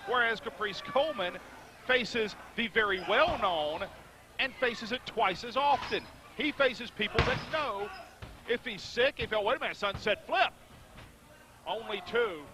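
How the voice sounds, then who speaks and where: High-pitched male wrestling announcer, noisy recording. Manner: measured, articulate, formal phrasing. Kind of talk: live sports commentary. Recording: noisy live event recording.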